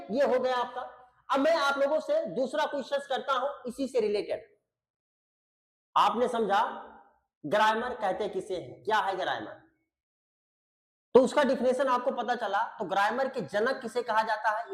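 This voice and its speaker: Echoey, patient teacher. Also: male voice, extremely high pitch. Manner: explains patiently, repeats points, checks understanding; addresses students fondly as beta and babu. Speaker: English teacher. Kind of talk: online video lecture.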